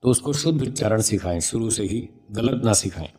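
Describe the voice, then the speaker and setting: A man with a rather low, warm and relaxed voice gives a spiritual discourse on raising children. He explains patiently in the manner of a teacher and pronounces sounds slowly to demonstrate them.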